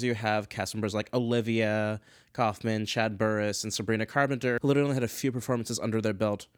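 A man's voice: medium pitch, no echo, studio quality. A man hosting a casual solo commentary show, chatty and self-deprecating, wandering off on tangents. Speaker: podcast host.

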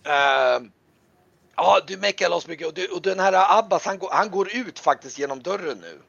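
A man's voice: expressive, creaky, a bit bright. A man narrating a tabletop game as game master, rambling with many fillers. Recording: dull lo-fi sound with faint rumble.

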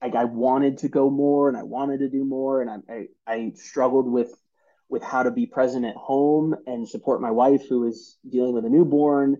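Earnest man with a mellow voice. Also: medium pitch, fairly even intonation, muffled recording. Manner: earnest, halting, many fillers and restarts. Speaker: podcast guest. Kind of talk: casual storytelling interview.

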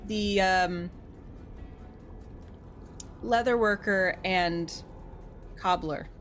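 A woman's voice: medium pitch, drawn-out words, a bit bright, soft background music. Friendly woman playing a tabletop character. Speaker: player.

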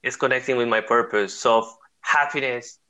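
A man's voice: medium pitch, steady tone, normal speed, bright, forceful tone, clean tone. Earnest man. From Costa Rica. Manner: earnest, searching, many fillers and restarts. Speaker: guest. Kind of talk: interview conversation.

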